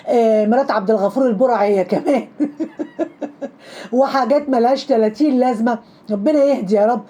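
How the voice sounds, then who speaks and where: Egyptian woman, gossip commentary, rapid-fire delivery, mellow tone, sarcastic and mocking. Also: fairly high pitch. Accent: Egyptian Arabic.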